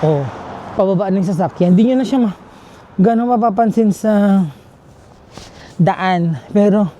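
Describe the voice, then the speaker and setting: A man's voice: high-pitched, a little slow, dark tone, lo-fi sound. A man chatting casually to his camera as a travel vlogger while walking outdoor streets at night, exclamatory and joking. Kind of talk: casual walking vlog chat.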